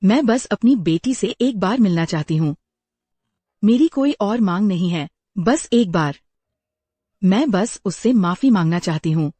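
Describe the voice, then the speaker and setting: A remorseful imprisoned ex-wife. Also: female voice, mid-range voice, expressive, unhurried, mellow, breathy edge, dry recording. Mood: pleading. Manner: pleading, emotional delivery. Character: remorseful imprisoned ex-wife of a rich man, pleading. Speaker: voice actor in a dubbed drama. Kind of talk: dubbed drama acting.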